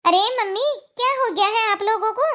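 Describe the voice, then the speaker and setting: A woman voicing a spoiled, indignant young married woman in a cartoon, complaining with sharp retorts and scoffing laughs. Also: very high-pitched, a little fast. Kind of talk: cartoon voice acting.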